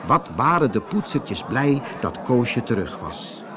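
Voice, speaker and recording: A man narrating a children's story in an expressive, animated reading. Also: mid-range voice, takes it slowly, crowd noise.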